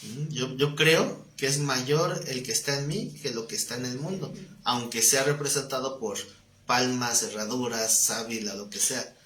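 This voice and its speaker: A man's voice: medium pitch, moderate pace, a bit bright. A Bible teacher talks his class through a lesson in an easy, conversational way, tossing them questions and the odd joke. His mid-range voice rings in an echoey room over faint background noise. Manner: conversational, quizzes the class, jokes. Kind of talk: live Bible class lecture. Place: classroom with students.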